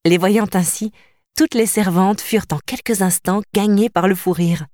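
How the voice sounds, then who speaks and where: A woman reading a children's novel aloud as audiobook narration, calm and even. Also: medium pitch, normal speed, dry recording, clean studio sound. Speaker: audiobook reader.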